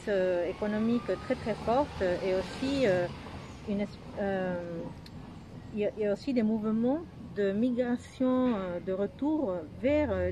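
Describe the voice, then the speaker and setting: Peruvian woman explaining hesitantly over background noise. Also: mid-range voice. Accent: Peruvian Spanish accent in French. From Peru. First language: Spanish. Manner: hesitant, searching for words. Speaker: anthropologist interviewee. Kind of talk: explanatory interview answers.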